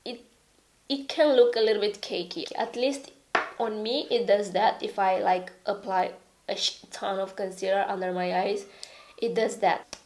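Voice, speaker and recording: A beauty vlogger chats her way through a casual makeup review, rambling, self-deprecating and tossing in frequent "okay?" asides. She's stuffy and raspy from a cold; her mid-range voice is a little mellow, fairly even in intonation, at normal speed, with slight background noise.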